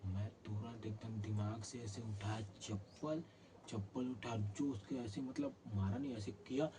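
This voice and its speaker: A male vlogger telling a ghost story in an animated way, acting out sounds and scenes. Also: lowish voice, a little slow. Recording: noisy background.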